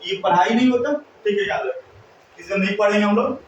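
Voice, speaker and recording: A man's voice: sits high, quick pace, lo-fi sound, a little hiss or hum. A male teacher giving a classroom lesson, drilling students with repeated questions and call-and-response. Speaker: English teacher. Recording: echoey room, mic far off.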